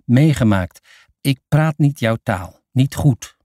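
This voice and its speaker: A man voicing a large, cheerful woman official who speaks halting, broken Dutch in an audiobook. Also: fairly high pitch, very animated, mellow, no echo, studio quality, pitched above the performer's own voice. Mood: friendly. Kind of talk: audiobook character voice.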